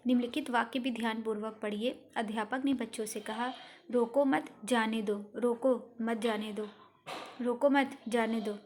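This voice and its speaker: Woman teaching schoolchildren, higher voice, patient lesson reading with faint background noise. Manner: addresses children, reads examples aloud. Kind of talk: classroom lesson explanation.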